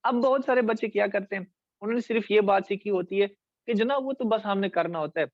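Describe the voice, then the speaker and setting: A man with a Pakistani Urdu accent gives a classroom lecture in a high voice, and the sound is dry and close. He often stops to ask his students whether they follow, and he draws words out slowly to show their syllables. The recording is a little dull and muffled. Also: no echo. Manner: addresses students directly, checks understanding. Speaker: teacher. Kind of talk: classroom lecture on essay writing.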